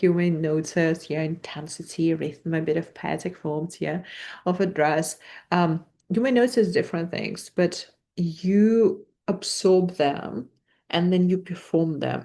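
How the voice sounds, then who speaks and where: A woman's voice: fairly low pitch, a little mellow. Chatty woman coaching language learners. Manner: loose and chatty, with many fillers and restarts. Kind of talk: casual teaching talk to camera.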